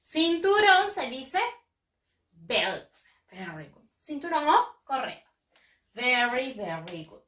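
A woman teaching English to first graders in a bilingual lesson, slow and exaggerated, patiently repeating words for the children to copy. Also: sits high, sing-song, fairly bright tone, recorded from a distance. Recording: echoey room, speaking away from the mic.

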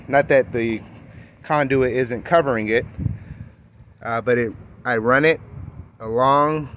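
A man reviews his backyard hot tub in a loose product walkthrough, holding the phone camera himself as he walks around it. His medium-pitched voice is a little bright, his explanations wander with fillers and self-corrections, and a faint hiss or hum sits underneath.

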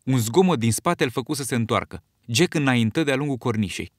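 A man reading an audiobook in a measured, steady storytelling voice. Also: medium pitch, no echo, clean studio sound. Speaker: audiobook narrator. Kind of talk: scripted narration.

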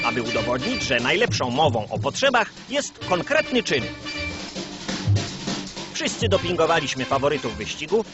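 A man narrating in the manner of an old communist-era newsreel, grandiose, solemn and rousing in a scripted mock-propaganda style. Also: fairly high pitch. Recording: dull lo-fi sound under loud music.

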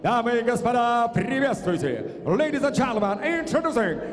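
An older man with a Russian accent works as a boxing ring announcer, with formal, showy delivery and drawn-out names over an arena PA. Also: very high voice, big pitch swings. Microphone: handheld microphone over arena PA. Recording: echoing arena PA, long reverb.

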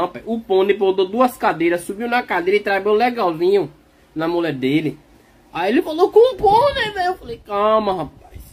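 A man voicing a brash, teasing male dog in a comic dub of animal videos, rowdy and quick to laugh. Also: high-pitched, slight background noise. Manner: swings between mock threats and joking.

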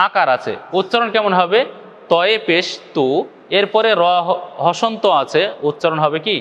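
A man with a high, light voice teaches recitation rules in a patient, methodical way. He talks to his viewers directly as he breaks each rule into small steps. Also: fairly bright tone, lo-fi sound. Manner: explains rules slowly, often addressing "dear viewers" and drawing out sample recitations. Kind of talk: step-by-step recitation lesson.

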